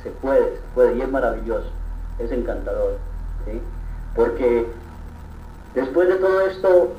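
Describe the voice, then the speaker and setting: Earnest priest preaching in a roomy hall. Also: male voice, mid-range voice, measured pace, slight background noise. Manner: earnest preaching with repeated "¿sí?" checks. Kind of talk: sermon. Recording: roomy, distant, dull sound.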